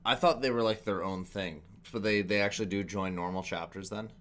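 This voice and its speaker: Male reaction host, thirties, lowish voice, casual off-the-cuff remarks. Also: steady tone, a little fast, a bit bright. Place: small room at home, indoors.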